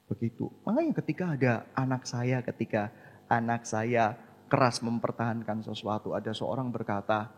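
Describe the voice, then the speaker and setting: A man preaching a sermon as pastor in a church, animated, with sudden jumps in pitch and loudness, often calling out to his congregation as brothers and sisters. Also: moderate pace, long reverb tail, highs cut off.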